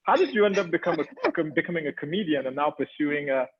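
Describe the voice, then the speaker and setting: A man with a fairly high voice, lively intonation and a fast way of talking moderates a panel webinar over a video call. He's conversational and chatty, dropping many ums and warm personal asides, and the audio is tinny and phone-like.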